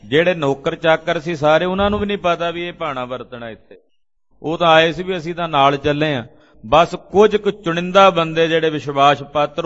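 A male preacher tells a sacred story in a lilting, half-chanted way, explaining scripture line by line. His voice carries a long reverberant tail, as if in a big hall, and the sound is dull and lo-fi. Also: a little high. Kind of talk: Sikh scripture exposition.

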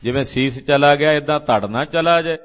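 A man's voice: fairly high pitch, moderate pace, fairly bright tone. A male preacher tells a sacred story in a lilting, half-chanted way, explaining scripture line by line. His voice carries a long reverberant tail, as if in a big hall, and the sound is dull and lo-fi. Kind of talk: Sikh scripture exposition.

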